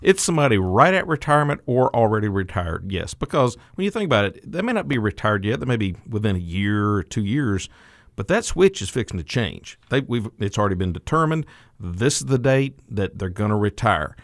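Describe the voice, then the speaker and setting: Lively-voiced man explaining retirement money. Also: lowish voice, a little fast, no room sound, studio quality. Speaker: retirement income advisor. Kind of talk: financial radio talk.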